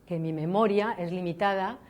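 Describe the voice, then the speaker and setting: A woman's voice: lowish voice, moderate pace. Chatty woman giving a science lecture. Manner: lively, chatty, addresses audience with ¿vale?. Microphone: speaking to a hall audience.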